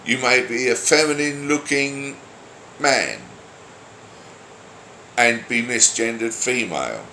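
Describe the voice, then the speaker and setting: A grumpy online commentator with a mid-range voice delivers an unscripted solo rant, blunt, sweary and exasperated. He sounds animated and sharp but takes his time. The room echoes a lot, with faint noise in the background.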